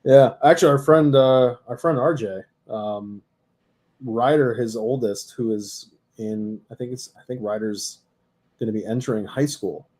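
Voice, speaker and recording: A man's voice: medium pitch, measured pace, darkish tone. A man in his thirties co-hosting a sports podcast, chatting casually with many fillers and hesitations. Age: 30s. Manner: hesitant, filler-heavy, laughing asides. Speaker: podcast co-host.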